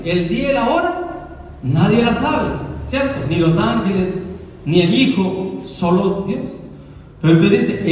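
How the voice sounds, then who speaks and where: A man's voice: high voice, a little mellow, a little hiss or hum. A man preaching a sermon as pastor, with emphatic repetition, calling his listeners brother. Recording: echoey hall from far off, dull lo-fi sound.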